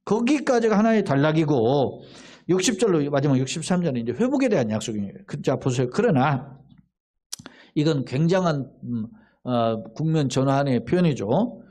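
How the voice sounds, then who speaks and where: A man's voice: on the high side, big pitch swings, moderate pace, dark tone. A middle-aged male pastor giving a Bible exposition in a conversational sermon style, asking rhetorical questions and acting out quoted lines.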